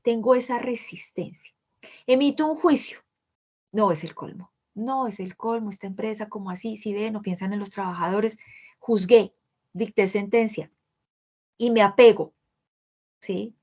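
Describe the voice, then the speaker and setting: A woman's voice: mid-range voice, moderate pace, darkish tone. A woman with a Colombian accent giving an online workplace training session, explaining patiently and checking in with her listeners after nearly every point. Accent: Colombian Spanish. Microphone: video call. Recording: dull lo-fi video call audio.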